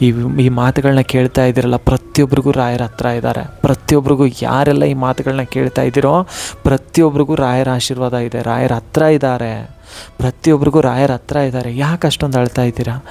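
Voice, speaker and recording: A man's voice: mid-range voice, level tone, fast, gravelly, dark tone. Earnest devotional speaker, man. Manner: earnest, emotional, repeats phrases for emphasis. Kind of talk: devotional motivational talk.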